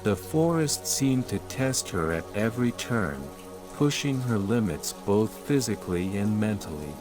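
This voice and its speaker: A man with a lowish voice narrates a scripted bedtime fairytale, measured and soothing, while rain and calm music play behind him.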